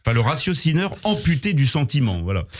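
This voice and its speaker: A man reading a scripted comic column on the radio in a small studio, with wry, deadpan asides. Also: mid-range voice, quick pace. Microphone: studio microphone.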